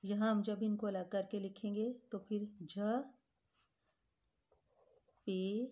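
A woman's voice: medium pitch, flat delivery, moderate pace, mellow. A woman teaching a grade-school Urdu grammar lesson, patiently spelling words out letter by letter and calling her pupils children.

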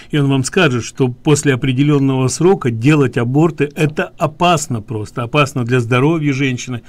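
A man's voice: medium pitch, a little mellow. A man co-hosting a call-in radio show, arguing his points emphatically with rising indignation. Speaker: radio co-host. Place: radio studio.

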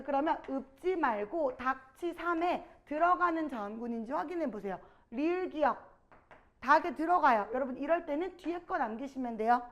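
A woman teaching a grammar lesson, quizzing her students and drawing out each example word slowly. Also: sits high.

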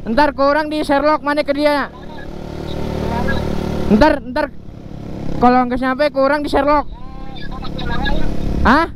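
Young Sundanese-accented motovlogger, high voice, loose relaxed chatter outdoors, noisy helmet-cam sound. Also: male voice, unhurried, long pauses. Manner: relaxed banter with friends, mixing slang. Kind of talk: casual chat. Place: outdoors at a hillside rest area. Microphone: cheap external mic on a helmet action camera. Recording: wind and engine noise outdoors.

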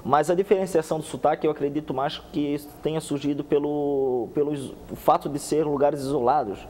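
A young male researcher, a guest on a TV studio set, explains things fast and animatedly, gesturing with his hands and restarting often. His voice sits a little high, and his lapel mic picks up a big-room sound.

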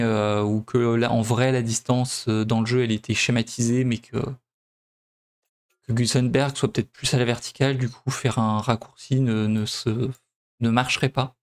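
Casting note: young man from France, let's play host, mid-pitched, halting delivery full of fillers. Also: a little mellow, clear, resonant tone. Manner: hesitant, many fillers and restarts. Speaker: gameplay video host. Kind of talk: casual let's play commentary.

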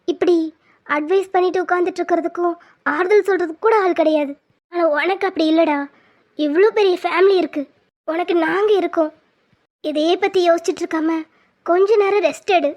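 A performer voicing a caring young woman who comforts and advises her grieving relative. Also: extremely high pitch. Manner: soothing, advising. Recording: dull lo-fi sound.

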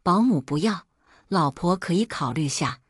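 A woman's voice: fairly low pitch, animated, moderate pace, husky, no echo, clean studio sound. A woman voicing a teasing young man who is doting and smug, speaking in a playful, coaxing way.

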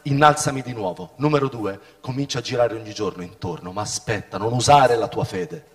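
A middle-aged man preaching a sermon in a church hall, swinging from shouts to hushed tones. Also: mid-range voice, fairly quick. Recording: long reverb of a hall.

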